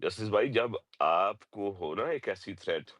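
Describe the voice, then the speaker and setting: A man's voice: on the low side, lively intonation, measured pace, crowd noise. A man with a sore throat debating cricket in a casual audio chat, mixing in English phrases and lecturing a little. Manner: mixes English phrases into his talk, lecturing tone. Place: lives in Europe.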